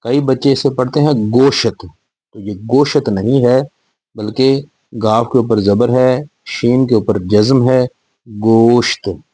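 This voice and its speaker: In a slow, warm, slightly rough voice of medium pitch, a man teaches small children to read and write in Urdu, with no echo in the recording. He breaks every word into letters and goes over it again with patience.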